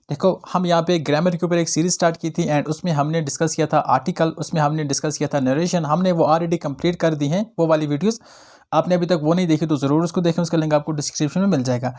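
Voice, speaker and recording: High-voiced young man teaching grammar. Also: a little mellow. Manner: explains in Hindi-English mix, repeats "ठीक है ना". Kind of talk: online grammar lesson.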